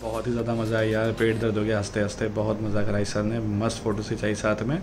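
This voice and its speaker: A man's voice: on the low side, completely flat delivery, fast talker, reverberant, music in the background. A man in his thirties chatting casually to a handheld camera for his vlog, slipping English words into his talk. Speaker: vlogger. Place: home rooms, lift and basement parking. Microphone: phone or camera at arm's length.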